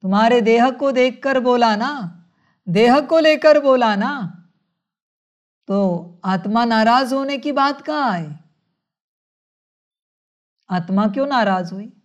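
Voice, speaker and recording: Woman, spiritual teacher, slow measured sermon, rhetorical questions, somewhat high voice. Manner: slow, measured, addresses listeners as children, asks rhetorical questions.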